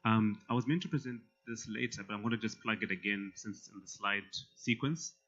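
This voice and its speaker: Bright-voiced male emcee, muffled audio. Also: on the low side, fairly quick. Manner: casual, with many fillers. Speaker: event emcee. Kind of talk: announcing at a pitch competition. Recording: slightly muffled event audio.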